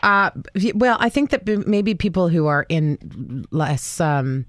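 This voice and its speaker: Playful, low-voiced morning radio woman. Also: unhurried, no echo, clean studio sound. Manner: playful, laughs easily, rambling answers. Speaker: radio co-host. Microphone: studio mic.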